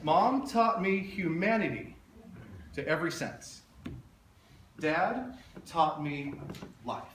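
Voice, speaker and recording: Recorded in a roomy space from a distance, a man with a fairly high voice delivers a funeral eulogy. He speaks tenderly and haltingly, in measured phrases with pauses. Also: animated. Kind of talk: funeral eulogy, public speech. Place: echoey room, speaking to a gathering. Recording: roomy echo, distant mic, faint noise.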